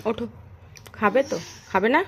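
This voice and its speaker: A woman's voice: medium pitch, normal speed, a bit bright, breathy edge. A mother at home coaxing her small child in a repetitive, sing-song manner. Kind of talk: coaxing baby talk.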